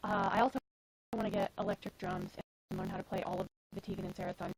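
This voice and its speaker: A woman's voice: extremely low pitch, wildly swooping pitch, quick pace, creaky, husky, no echo. A woman chatting casually to viewers on a livestream, rambling with lots of fillers, her voice warped by a glitchy robotic metallic distortion. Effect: glitchy robotic metallic distortion from a lagging stream. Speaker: livestream host. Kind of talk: casual chat answering viewers.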